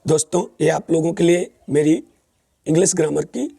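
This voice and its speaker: A man's voice: a little high, moderate pace, gravelly, dark tone, slightly rough, no room sound. A man teaching English grammar in Hindi, mixing in English terms and asking and answering his own questions as he explains.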